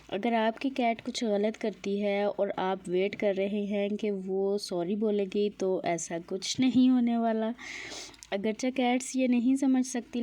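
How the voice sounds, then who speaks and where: A woman calmly explaining pet behavior in a voice-over, mixing English words into her speech. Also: medium pitch. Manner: calm explaining, mixes English words into Urdu. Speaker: pet video host.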